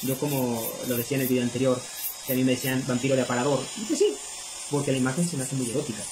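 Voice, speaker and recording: Speaking very fast in a mid-range voice, a middle-aged man hosts a video and gives viewers casual explanations. There's clear background noise on the recording.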